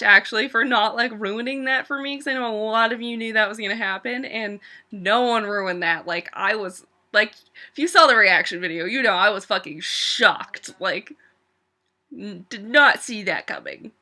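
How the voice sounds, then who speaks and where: A woman's voice: fairly high pitch, bright, forceful tone. A woman talking through a TV episode in a casual vlog review, gushing and swearing freely, with "like" in nearly every sentence. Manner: gushing, profane, heavy use of "like".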